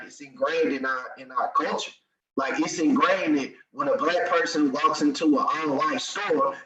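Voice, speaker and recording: A man's voice: fairly high pitch, roomy sound, low-quality recording. An American man talking bluntly and earnestly in a casual group discussion. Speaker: group organizer.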